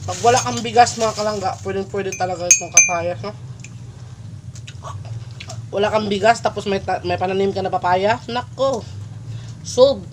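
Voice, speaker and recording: A woman's voice: mid-range voice, normal speed, long pauses. Filipina woman chewing while talking, noisy recording. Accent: Filipino, Visayan. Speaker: vlog host. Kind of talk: casual mukbang vlog chat. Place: at a small store. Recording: noisy background.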